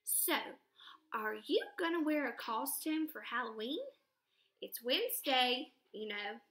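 Storybook janitor: jokey, friendly grown man, read by a woman teacher, bright and high, echoey room. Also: lively intonation, takes it slowly, exaggerated voice. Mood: chatty. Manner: chatty, teasing. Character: cheerful joking male school janitor.

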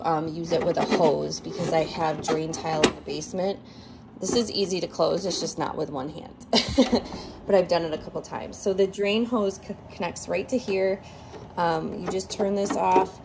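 At home in her living room, a woman reviews a product in a casual, upbeat way, saying um often, while her phone is held over the device. Her fairly low voice comes through heavy background noise.

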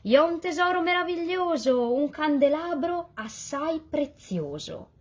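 A woman's voice: a little high, lively intonation, slow, dark tone, husky, heavily acted. A woman calling as a mischievous little mountain gnome. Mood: boastful.

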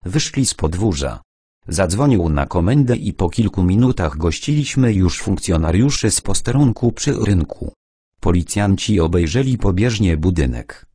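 A man's voice: low-pitched, dark tone, slightly rough, dry recording, studio quality. A man reading a novel aloud as an audiobook narrator, voicing the dialogue only by dropping his voice a little.

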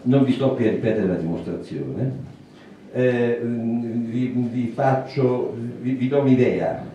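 Speaking at a public lecture in a small indoor meeting room, an older man pauses thoughtfully, with lots of ums and restarts. His mellow voice sits at medium pitch. A far camera picked up his handheld mic, so there's roomy echo, cut-off highs, and a little hiss or hum.

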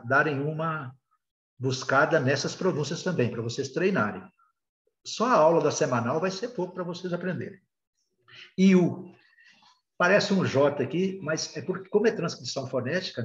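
A Brazilian man with a Brazilian Portuguese accent, working as an English teacher, leads a recorded beginner lesson in a rather high voice. He explains patiently but hesitantly, with plenty of filler sounds. The audio is lo-fi and reverberant.

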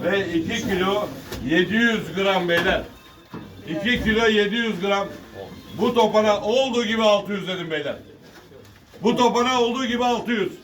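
At a normal speed and with a slightly bright, high-pitched tone, a man auctions fish by calling weights and prices in a repetitive sing-song chant for bids. The recording comes from a distant mic in a noisy market where birds coo.

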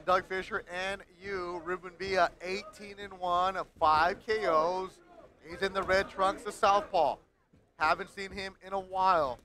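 Man, high-pitched, live boxing play-by-play, short clipped phrases, loud crowd backdrop. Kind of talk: live sports commentary. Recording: live event with crowd noise behind.

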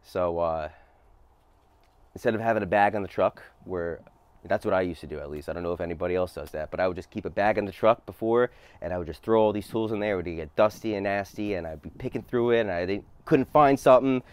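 A young man from New Jersey, a plumber, casually showing off his work van, relaxed and chatty with many fillers. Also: low voice, quick pace, smooth, no echo. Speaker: plumber giving a van tour. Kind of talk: casual show-and-tell. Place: inside and beside a work van, outdoors.

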